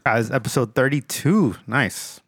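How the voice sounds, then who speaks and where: A man's voice: medium pitch, measured pace, fairly bright tone, slightly rough, no room sound, clean studio sound. Laid-back man teasing his co-host. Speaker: podcast co-host. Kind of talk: casual chat.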